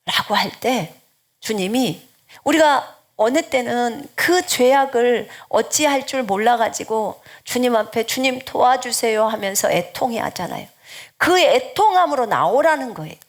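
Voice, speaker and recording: A woman missionary delivers a sermon in a fairly high voice. She preaches earnestly and exhorts her listeners, often sinking into hushed, whispered pleading.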